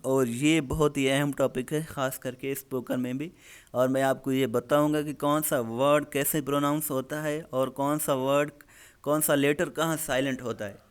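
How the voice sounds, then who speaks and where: A male English teacher, his voice smooth and resonant and a little above the usual male pitch. He walks through grammar topics one by one in a plain explaining manner and slows down to say each English example. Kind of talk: explanatory lesson.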